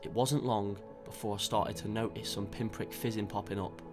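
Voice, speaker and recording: A man calmly narrating a fishing trip in a measured, scripted voice-over. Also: lowish voice. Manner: calm, measured storytelling. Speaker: fishing vlogger. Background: background music.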